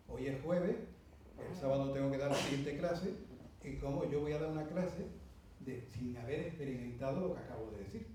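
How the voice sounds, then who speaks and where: A middle-aged Andalusian man from Spain gives a conference talk in a medium-pitched, dark-toned voice with Andalusian Spanish accent. He tells the audience a long anecdote full of asides and fillers. The recording, heard from a distance in a roomy hall, carries a little hiss or hum.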